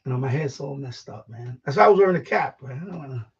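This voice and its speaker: A middle-aged man hosts a casual, rambling live stream from a room at home being set up as a radio shack, talking informally and with slang as if to himself while he handles things. His mid-range voice is animated and fast, sounding dull, lo-fi and distant from the mic.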